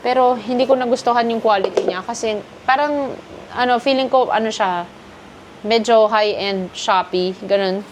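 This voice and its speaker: A woman's voice: on the high side, moderate pace, slight background noise. A woman from the Philippines chatting casually through a haul vlog, switching freely between Filipino and English. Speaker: vlogger.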